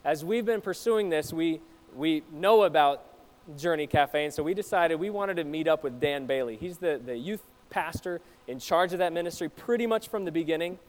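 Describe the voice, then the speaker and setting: Speaking at a normal speed, a pastor with a slightly high voice and lively intonation preaches to his church congregation. His style is conversational, and he regularly poses questions to the people listening.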